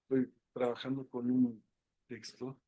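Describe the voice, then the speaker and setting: Male instructor; slow, halting lecture delivery, dry close mic. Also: medium pitch, level tone, dark tone, no room sound, dull audio. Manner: unhurried, thinking aloud with many fillers. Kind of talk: online lecture.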